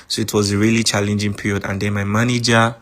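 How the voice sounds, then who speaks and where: A man with a Nigerian accent recording a voice message to a friend, calmly recounting a grievance. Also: fairly low pitch. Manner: calm, measured account of a grievance. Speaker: podcast host.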